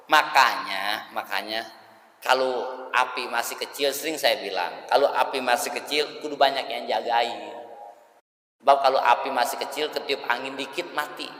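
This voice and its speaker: Man preaching in a reverberant mosque. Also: mid-range voice. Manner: lively storytelling with jokes and slangy asides. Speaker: kiai teaching a weekly religious study session. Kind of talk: colloquial mosque sermon. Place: mosque hall.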